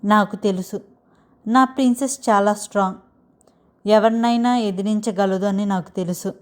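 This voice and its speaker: A woman's voice: mid-range voice, steady tone, moderate pace, natural voice. Woman reading a doting protective husband. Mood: tender. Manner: anxious, doting questions. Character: protective young husband, tender but fierce. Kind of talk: audiobook story reading.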